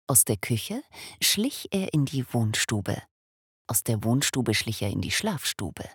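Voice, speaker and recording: A woman reading a children's story aloud, expressive and animated, sometimes dropping to a whisper. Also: extremely low pitch, breathy edge, dry recording, clean studio sound.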